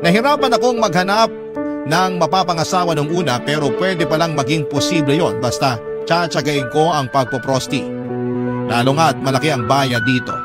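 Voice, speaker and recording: A man with a Filipino accent and a slightly high voice narrates a letter sender's story at normal speed in a dramatic radio storytelling style. Loud music plays under his voice throughout.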